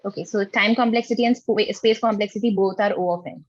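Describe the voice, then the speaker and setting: A woman interviewer speaks patiently and reassuringly in a formal but conversational way. Her voice is slightly breathy and rough, heard dry through dull online call audio. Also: medium pitch, fairly even intonation, quick pace, no room sound. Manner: reassuring, patient, tentative phrasing. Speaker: technical interviewer. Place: online video call with screen sharing.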